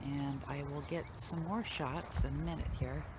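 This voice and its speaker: A woman's voice: low voice, steady tone, moderate pace. A woman, chatting casually as she films a hiking trail and points out views. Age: 60s. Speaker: hiking vlogger. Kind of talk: casual narration while hiking. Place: outdoor hillside trail. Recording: loud wind and outdoor noise.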